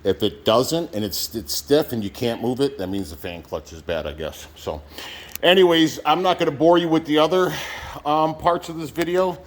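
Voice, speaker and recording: A man's voice: fairly high pitch, expressive, normal speed. A man with a lisp and whistling s from new braces, giving a casual, plain-spoken and unsure how-to narration as he works. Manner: plain-spoken, unsure, hedging first-timer. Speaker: DIY truck mechanic vlogger.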